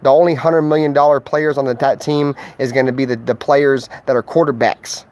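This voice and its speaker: A man's voice: mid-range voice, fairly even intonation, a little fast, a little mellow, slight background noise. A man streaming live as a sports fan, trash-talking in a loose, profane, slang-heavy way and rambling with lots of fillers. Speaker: sports livestreamer. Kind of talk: casual livestream trash talk.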